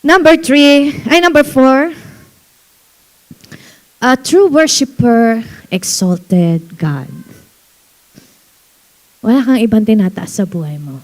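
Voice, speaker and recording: Lady pastor preaching, really lively swoopy voice, slows way down for bible verses. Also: medium pitch. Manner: animated preaching mixing Tagalog and English, reads verses slowly, laughs often. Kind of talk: sermon. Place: church.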